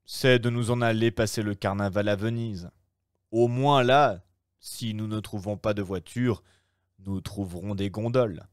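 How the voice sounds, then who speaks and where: A man reading aloud and voicing a calm, shrewd young gentleman who talks in a measured, persuasive way. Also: fairly low pitch, clear, resonant tone, dry recording, clean studio sound, natural voice.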